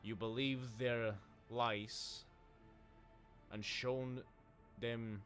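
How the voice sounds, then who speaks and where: Give me a man playing a proud ex-navy seneschal in a video game, measured and formal. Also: mid-range voice, level tone, a bit bright, faint music behind. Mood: reproachful. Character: stern older male seneschal, proud ex-navy officer.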